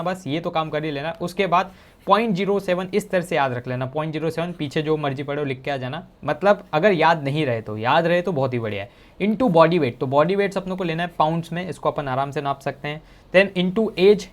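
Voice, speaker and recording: A male teacher with a slightly high voice explains exam answers step by step. He talks casually and directly to his students, often calling them "bhai sahab". His is full of English technical terms. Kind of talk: exam-prep lesson.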